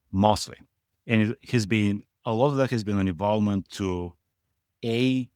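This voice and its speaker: A man's voice: fairly low pitch, no echo, studio quality. A middle-aged man from Bulgaria with a Bulgarian accent, speaking as a guest in a conversational interview, emphatic and repeating words for stress. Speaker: portfolio manager guest.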